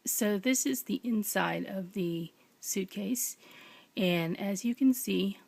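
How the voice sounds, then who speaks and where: A woman whispering softly at home late at night as she shows off a craft project, with frequent ums and pauses. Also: medium pitch, gravelly, no room sound. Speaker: crafting vlogger. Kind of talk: casual show-and-tell.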